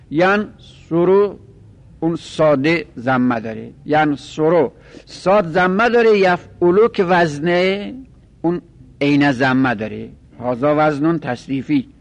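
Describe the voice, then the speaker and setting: A man giving a classroom lesson on grammar and poetic meter, explaining patiently, repeating terms and reciting verse in a slow rhythmic chant. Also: sits high, dry recording. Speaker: teacher of Arabic grammar. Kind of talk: classroom lecture.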